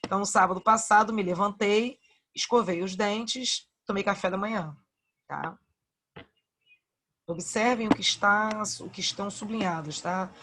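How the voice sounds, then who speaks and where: A woman's voice: medium pitch, normal speed, fairly bright tone. A woman teacher with a Brazilian Portuguese accent takes an online class through verb conjugations one by one. She speaks patiently and repeats each form. She checks in often with short questions to her students. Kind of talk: online Spanish grammar lesson.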